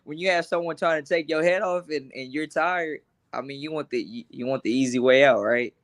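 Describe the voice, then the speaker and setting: Brisk and a little high-voiced, a young adult boxer with roots in both Los Angeles and Honduras answers interview questions casually and earnestly, tending to repeat words at the start of each thought.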